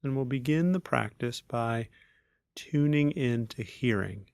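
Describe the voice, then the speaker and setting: Speaking in a gravelly, darkish mid-range voice, a man leads a guided meditation as its teacher. His phrases are measured and unhurried, with long pauses, captured in a dry recording.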